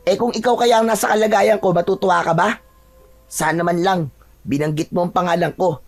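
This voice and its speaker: A man's voice: high voice, steady tone, brisk, vocal fry, faint music behind, voice pushed up. A man voicing a young chieftain's son who speaks in a reproachful, wounded way, in a storybook tale. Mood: resentful.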